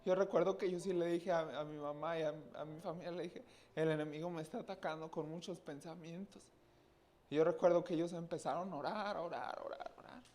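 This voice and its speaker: A man's voice: on the high side, steady tone, brisk, a little mellow. Earnest man giving a church testimony. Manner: earnest, often addresses listeners as "hermano". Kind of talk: personal testimony to a congregation.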